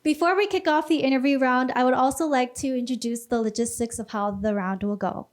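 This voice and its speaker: Female event MC, higher register, scripted announcing. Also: brisk. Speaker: pageant MC.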